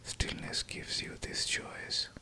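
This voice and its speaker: A man whispering a scripted pep talk of affirmations, in short, deliberate phrases. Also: bright, forceful tone. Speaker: guided affirmation narrator.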